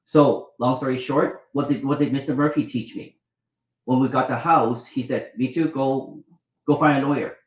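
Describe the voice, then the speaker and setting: Over phone-quality sound in an echoey room, a middle-aged Vietnamese doctor and author speaks at a normal pace with a mid-range voice and fairly even intonation. As an interview guest telling his life story, he wanders, restarts many times, and acts out quoted exchanges.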